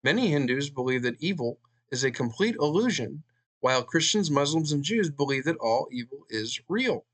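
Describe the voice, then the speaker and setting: A man reading a book chapter aloud and adding his own commentary, earnest, with fillers and pauses between passages. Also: fairly high pitch, lively intonation. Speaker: channel host reading a book.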